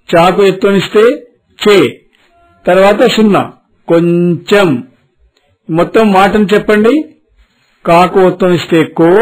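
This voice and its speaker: A man teaching a beginners' reading lesson, spelling words syllable by syllable and stretching them out slowly. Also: high voice, low-quality recording.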